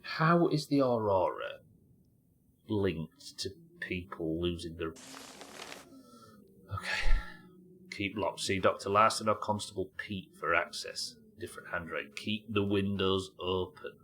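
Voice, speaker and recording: Deep, bright-voiced male game streamer. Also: unhurried. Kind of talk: casual live gameplay commentary. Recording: faint background noise.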